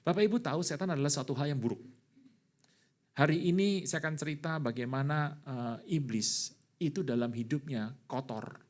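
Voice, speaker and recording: A middle-aged man, a pastor, preaching a sermon in an animated way, with sudden loud bursts. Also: fairly high pitch, normal speed.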